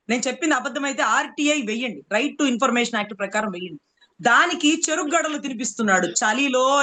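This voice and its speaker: A woman's voice: high voice, bright, forceful tone. A woman from Andhra Pradesh arguing hard in a political debate, sarcastic and full of rhetorical questions. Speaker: political commentator.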